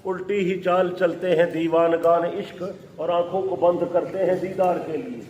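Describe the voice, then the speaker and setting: A male religious teacher giving a classroom lecture, dictating slowly and emphatically and breaking off into scolding asides. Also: high-pitched, steady tone, darkish tone, highs cut off. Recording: echoey hall with faint ambient noise.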